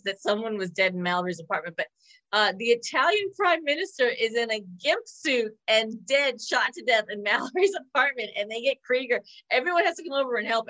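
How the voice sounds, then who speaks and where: A woman's voice: a little high, pushed and bright. A woman co-hosting a podcast, running through a list in casual chat with fillers. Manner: quick list-reading with fillers. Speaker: podcast co-host.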